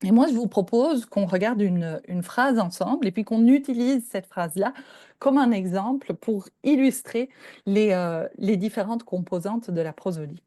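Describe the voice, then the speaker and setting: A woman's voice: medium pitch, moderate pace, mellow, no echo, clean studio sound. An older woman from Belgium, a professor giving a lecture and explaining points step by step, often checking in with her listeners. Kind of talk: lecture presentation.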